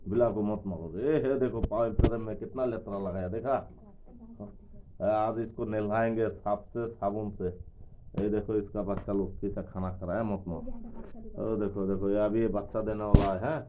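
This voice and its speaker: A man talks in a loose, running commentary to his viewers, breaking off to coax and call to animals. His voice sits on the low side. The sound is thin and phone-like, with a faint hiss underneath. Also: steady tone, moderate pace. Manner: chatty, coaxing, calls out to animals. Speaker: vlogger. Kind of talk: casual running commentary to camera.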